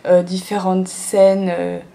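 A woman's voice: on the low side, completely flat delivery, slow, gravelly, warm tone, slight background noise. A young woman chatting casually through a manga haul video, filling her talk with small fillers. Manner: chatty, many fillers and "donc voilà". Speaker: manga vlogger. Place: sunny room at home.

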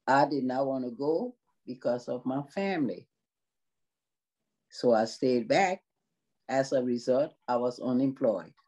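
A middle-aged woman from Liberia with a Liberian accent, a long-term care worker, speaks earnestly in a video-call interview from a small room indoors. Her very deep voice is mellow and slightly rough, and she talks in a slow, measured way.

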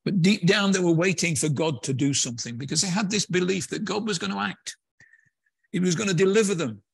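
A man's voice: sits high, brisk, creaky, slightly rough, no echo. A man preaching a conversational sermon in a church, with hesitant fillers and restarts. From England.

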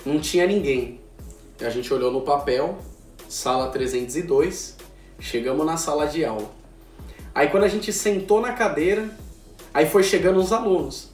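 A Brazilian man in his twenties telling a self-mocking anecdote in a casual, animated way, full of slang. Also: fairly high pitch. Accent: Brazilian Portuguese. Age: 20s. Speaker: vlogger. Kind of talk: casual storytelling. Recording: roomy echo, distant mic, faint music.

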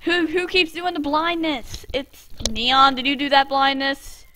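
Young female gamer, high bright voice, unhurried delivery, excitable casual commentary. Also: a little hiss or hum. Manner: excitable, frequent yelps and laughs. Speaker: gamer host.

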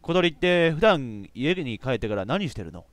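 A man reading the lines of a bored, mischievous teenage boy in a game, with a flat, bored delivery. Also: on the high side, normal speed, no echo.

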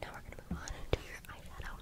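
Whispering ASMR woman with tingly mouth sounds. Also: rapid-fire. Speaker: ASMR creator. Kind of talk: ASMR whispered role-play as a makeup artist. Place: small bedroom, indoors. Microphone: desktop condenser microphone, close up.

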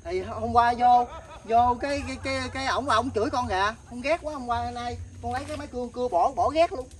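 A woman's voice: fairly high pitch, fast talker. A woman with a Southern Vietnamese Mekong Delta accent, playing a defiant grown child who argues in stammering bursts in a comic family skit. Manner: defiant, argumentative, stammering restarts. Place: outdoors in a fruit orchard.

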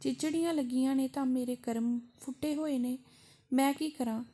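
A haughty, furious young woman snaps at everyone who asks her for help, as a female storyteller puts her on. The voice sits a little high and stays scornful and cutting. Told as a storybook tale. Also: fairly even intonation, normal speed, warm tone. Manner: scornful, snapping.

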